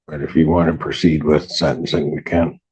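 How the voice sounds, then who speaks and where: A man's voice: rumbling low, level tone, fairly quick, a little mellow, breathy edge, low-quality recording. A man presiding as a judge in court, asking blunt, clipped questions, heard through a courtroom recording. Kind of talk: courtroom proceedings.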